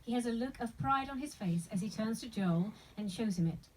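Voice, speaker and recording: A woman's voice: on the high side, expressive, fairly quick, darkish tone, distant mic, slight background noise, rough recording. A woman reading scripted stage directions as the narrator of a screenplay table read.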